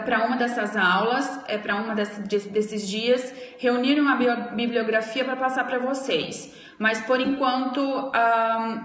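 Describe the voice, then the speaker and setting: Woman, language teacher, slightly high voice, unhurried patient delivery, echoey room. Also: a bit bright, slight background noise. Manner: explains slowly, spells out letters, checks in with "tá?" and "ok?". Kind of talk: live-streamed grammar lesson.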